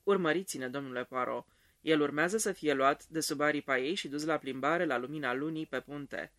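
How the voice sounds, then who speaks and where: A man voicing an excitable eighteen-year-old girl. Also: on the high side. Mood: excited. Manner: excited, giggling.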